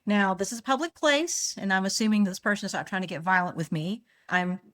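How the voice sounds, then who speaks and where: Woman guest explaining calmly. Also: medium pitch, fairly quick. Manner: explains with acted-out example dialogues. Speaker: physician and conflict analyst guest. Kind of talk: conversational podcast interview.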